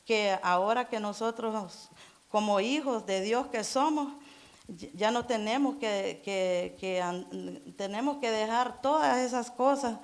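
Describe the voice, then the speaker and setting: A middle-aged woman giving an informal church sermon in an earnest, halting way, restarting phrases and repeating words as she goes. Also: fairly high pitch. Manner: keeps urging listeners to imagine. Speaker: church member preaching.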